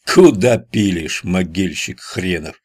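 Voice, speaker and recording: A man voicing a gruff older gravedigger who talks in coarse, slangy folk speech with a hoarse voice. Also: deep voice, expressive, slow, darkish tone, heavily acted. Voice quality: hoarse, rough. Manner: coarse slangy folksy talk.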